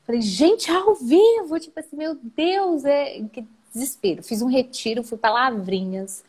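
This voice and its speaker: A woman with a Brazilian Portuguese accent telling her own story as an interview guest. She speaks in an animated way, often adds "né?" and leaps up in pitch. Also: normal speed. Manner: animated, with frequent "né?" tags and sudden jumps up in pitch. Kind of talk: emotional personal storytelling in a live interview.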